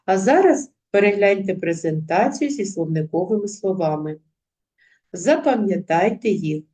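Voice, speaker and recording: A woman teacher giving a recorded lesson, speaking deliberately and spelling out word sounds one by one. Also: mid-range voice, warm tone. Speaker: primary school teacher.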